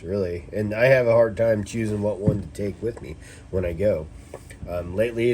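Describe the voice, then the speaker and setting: A man giving a casual, rambling product review, loose and tipsy as if he has been drinking, and swearing freely. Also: medium pitch. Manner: casually profane. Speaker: knife reviewer. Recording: noticeable background noise with clicks.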